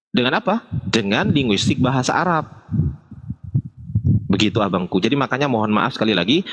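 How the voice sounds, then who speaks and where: A man's voice: medium pitch, fairly bright tone, big-room sound, highs cut off. A man hosting a casual debate, explaining Arabic grammar in a self-deprecating way, with lots of fillers. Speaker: Islamic preacher and debate host.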